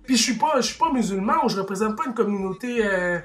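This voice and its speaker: A man's voice: sits high, lively intonation, fast talker, soft background music. A man with a Québécois French accent delivering an impassioned opinion monologue, emphatic and rhetorical, with frequent restarts. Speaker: vlogger.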